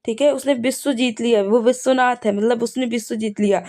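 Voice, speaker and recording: A woman's voice: a little high, fairly even intonation, fairly quick, a little mellow. A woman teacher giving an exam revision lesson, teaching memory tricks and often checking in with the listener as she repeats key points. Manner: repetitive, checks in with "ठीक है".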